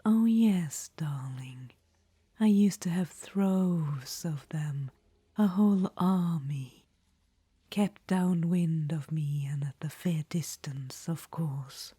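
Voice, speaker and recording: In an audio roleplay, a woman plays a vain, ancient undead witch-queen, whispering breathily and calling the listener darling with a languid, conspiratorial air. Her deep, warm voice moves slowly and is exaggerated, captured in a dry, clean studio recording.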